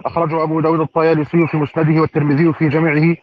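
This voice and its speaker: A man reads a classical commentary aloud to his teacher, moving quickly. His reading is fluent and formal with careful vowel endings, his voice is slightly high, and his delivery is completely flat. The recording sounds dull and lo-fi, with a little hiss or hum.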